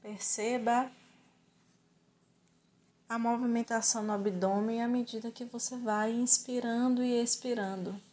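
Slow, soothing Brazilian woman guiding yoga. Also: on the high side. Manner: calm, soothing, measured with gentle pauses. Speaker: yoga instructor. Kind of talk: guided yoga and relaxation instruction.

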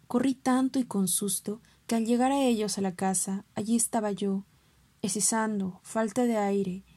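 A woman reading a children's audiobook aloud, telling the story in the first person as a dog, with lively expression. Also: mid-range voice, breathy edge. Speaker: audiobook reader.

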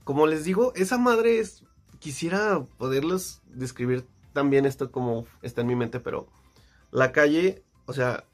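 A man's voice: fairly high pitch, a little slow, soft background music. A young man with a Mexican Spanish accent, casually telling a story with lots of slang and acted-out voices. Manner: slangy, animated, acts out voices.

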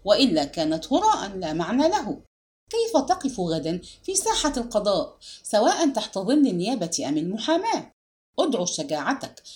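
A woman's voice: medium pitch, a little mellow, natural voice. A woman reading a story aloud, voicing a stern but kindly male law professor who speaks firmly and commandingly to a lecture hall. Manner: firm, commanding, raises voice to the hall.

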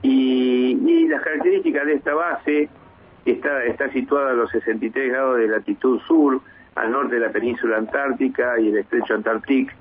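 A man in his fifties from Argentina, a base commander speaking in a measured way, with many hesitations and restarts, in a radio interview by phone. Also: mid-range voice, animated, breathy edge. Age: 50s. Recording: tinny phone line.

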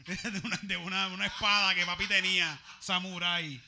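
A young man, co-hosting a casual chat and telling animated stories with laughs and sound effects. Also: high voice, brisk, a little hiss or hum. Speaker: podcast co-host.

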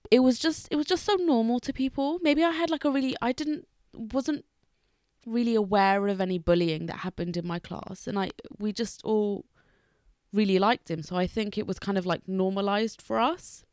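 A young woman in casual conversation, speaking haltingly with long pauses between sentences, many restarts and words that get stuck. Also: mid-range voice, darkish tone, dry recording, studio quality. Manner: hesitant, with many restarts and fillers.

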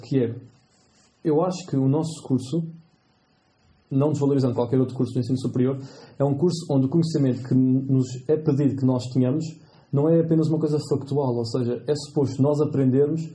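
A young man in his twenties with a European Portuguese accent, a medical student telling lively, slangy anecdotes as a guest in a casual interview. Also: medium pitch. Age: 20s.

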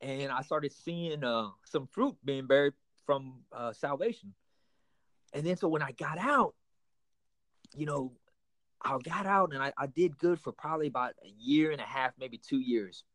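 A young man raised in Houston, Texas, in the United States, earnestly tells his life story as an interview guest, with many fillers and restarts. His voice is on the high side and a bit bright, at a normal speed, with no echo.

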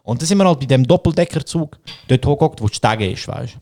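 A young man with a Swiss German accent, hosting a podcast and telling a story in a casual, swearing, animated way. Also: fast talker. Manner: animated, swears a lot, mocks people in put-on high voices. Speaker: podcast host.

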